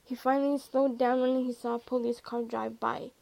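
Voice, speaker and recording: A woman reads a story aloud at a steady, plain pace. Her voice sits a little high, with a gravelly rasp. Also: moderate pace. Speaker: narrator. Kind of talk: amateur story reading.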